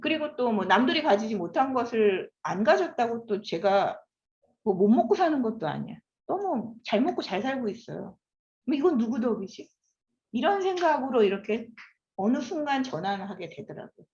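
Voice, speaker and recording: Animated woman in her fifties lecturing. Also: on the high side, normal speed. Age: 50s. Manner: animated, asks the audience questions. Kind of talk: classroom lecture. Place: lecture room. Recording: echoey room, slightly dull sound.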